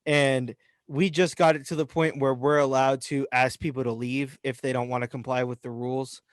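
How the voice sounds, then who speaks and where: A young man, telling an animated story about a rude customer in a casual podcast chat. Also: medium pitch, moderate pace, no room sound, clean studio sound. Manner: animated storytelling, voice rising when venting. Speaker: podcast co-host.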